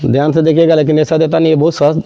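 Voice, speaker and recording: A man teaching a grammar lesson, explaining step by step and slowly repeating key words for students. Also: fairly high pitch, flat delivery, vocal fry, dark tone, dry recording, dull audio.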